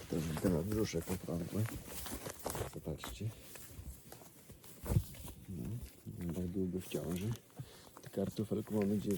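A man's voice: lowish voice, noisy background. Fond man chatting among farm donkeys. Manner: affectionate, chatty, talks baby-talk to donkeys. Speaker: animal sanctuary caretaker. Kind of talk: casual vlog talk to animals and viewers. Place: outdoors in a donkey paddock. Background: animal sounds outdoors.

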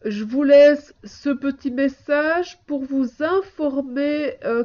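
Woman acting slow, highish polite female caller. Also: muffled recording. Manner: polite, measured, hesitant. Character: polite woman calling on behalf of tenants. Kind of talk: scripted voicemail role-play.

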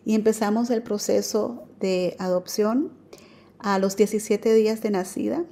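A woman's voice: medium pitch, measured pace, creaky, dark tone. A woman telling her personal faith story as a radio guest, earnest and full of fillers. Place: radio studio.

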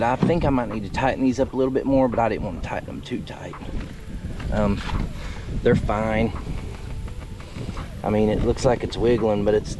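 Laid-back man on a kayak. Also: medium pitch. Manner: laid-back, rambling, folksy. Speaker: kayak fishing vlogger. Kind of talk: casual outdoor gear talk. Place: on a kayak on a lake outdoors. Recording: noisy outdoor audio.

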